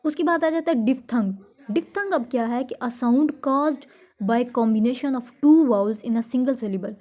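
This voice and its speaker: A woman teacher lectures in a mellow, warm voice that sits a little high. She reads English definitions out slowly and then explains them in Hindi, checking in with her listeners again and again. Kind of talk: classroom lecture.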